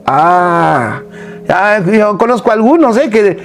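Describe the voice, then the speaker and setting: A man preaching a sermon in an animated, emphatic way, full of rhetorical questions. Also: high-pitched, slow pace, faint music behind.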